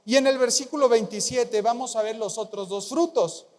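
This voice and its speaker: A man's voice: extremely high pitch, normal speed, a little mellow, long reverb tail. A man preaching a sermon as pastor, emphatic, repeating key phrases and prompting the congregation to answer. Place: large church hall.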